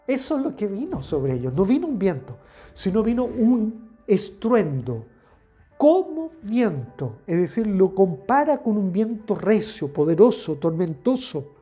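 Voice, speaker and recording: A woman's voice: mid-range voice, big pitch swings, a little slow, dark tone, slightly rough, faint music behind. A woman giving a devotional sermon, explaining scripture step by step and asking the listener rhetorical questions. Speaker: preacher.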